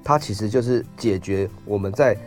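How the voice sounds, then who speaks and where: A man with a Taiwanese Mandarin accent, a guest explaining investing in a radio interview, talking rapidly with many fillers. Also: lowish voice, soft background music.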